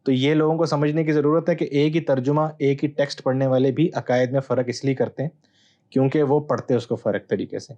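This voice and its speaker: A man, a Bible scholar guest, explaining texts in a measured, teacherly way with hesitant pauses. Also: medium pitch, steady tone, warm tone, highs cut off. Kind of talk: explanatory interview answer.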